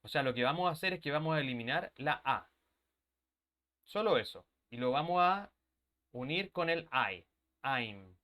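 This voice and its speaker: A man's voice: fairly high pitch, animated, normal speed, long pauses, sharp tone. A man teaching an online English grammar class, explaining step by step and checking in often with his students, sometimes drifting away from the mic as he moves to the board.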